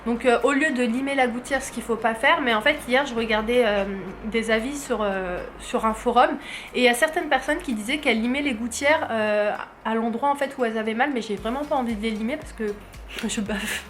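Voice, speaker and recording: High-voiced Frenchwoman chatting in a vlog. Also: a little fast, a bit bright. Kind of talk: casual vlog chat to camera. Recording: faint background noise.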